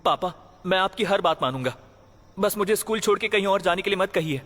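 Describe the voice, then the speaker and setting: A man's voice: high voice, expressive, brisk, fairly bright tone. A man dubbing a film role as a stubborn teenage schoolboy pleading with his father. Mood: earnest. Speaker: dubbing actor. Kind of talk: dubbed film acting.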